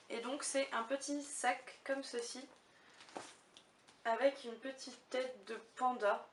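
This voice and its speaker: High-voiced woman, chatty and gushing. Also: fairly bright tone. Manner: gushing, chatty, thinking aloud. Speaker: vlogger. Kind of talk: casual unboxing chat to camera. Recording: roomy, distant mic with faint noise.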